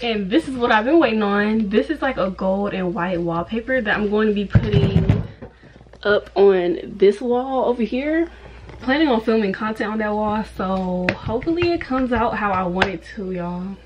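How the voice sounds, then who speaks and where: A woman's voice: medium pitch, moderate pace, muffled recording, noisy background. A woman, chatting casually to viewers in a vlog from her college apartment bedroom. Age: 20s. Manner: chatty, addresses viewers as y'all. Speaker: vlogger.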